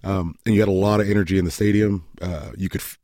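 A man's voice: deep voice, steady tone, fast talker, warm tone, dry recording. A man co-hosting a casual soccer podcast, talking in a dry, sarcastic, matter-of-fact way. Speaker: podcast co-host.

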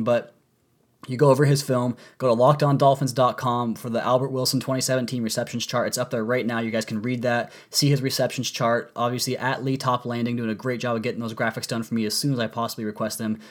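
A man hosting a sports podcast with enthusiastic, wordy commentary, his voice strained and congested from a sore throat, like swollen tonsils. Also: mid-range voice. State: sore throat from a cold, voice partly lost.

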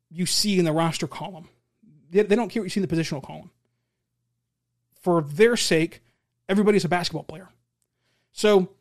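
A man hosting a casual basketball podcast, answering listener questions in a rambling, opinionated way, often repeating and restarting words. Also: a little high. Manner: opinionated, confident. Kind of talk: casual solo talk show.

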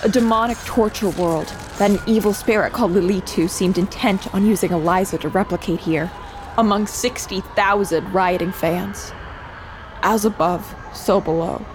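A woman's voice: medium pitch, moderate pace, background noise, natural voice. A woman playing a determined young narrator. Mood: calm narration. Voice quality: steady, earnest narration that turns urgent in dialogue. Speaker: first-person narrator and lead character. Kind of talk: audio drama narration and acting.

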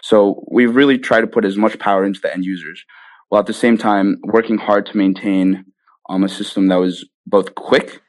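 An app founder explains his work in an interview, enthusiastic and conversational, regularly tossing in "right?" and "you know". His lowish voice keeps fairly even intonation at normal speed, with no echo.

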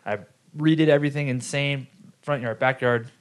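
Blunt, casual male podcast guest, mid-pitched. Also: steady tone, normal speed. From Southern California. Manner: emphatic, blunt, repeats phrases for effect. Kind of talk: casual conversation.

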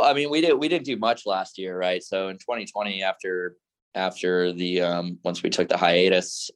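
A young man with a very low, flat voice answers a podcast interviewer's questions about his racing season. He speaks earnestly and in fits and starts, often breaking off and restarting his sentences. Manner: earnest, halting with many restarts. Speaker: racing driver guest.

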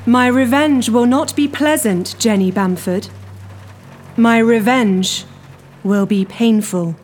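A man voicing a menacing, vengeful smart-car computer in a slow, flat voice. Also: very high voice, slight background noise, voice pushed up.

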